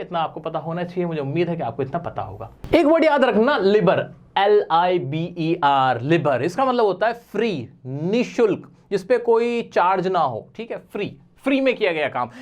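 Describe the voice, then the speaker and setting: A young man teaching vocabulary in a playful, chatty way, often asking his viewers questions. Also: high voice. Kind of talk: energetic exam-prep lesson.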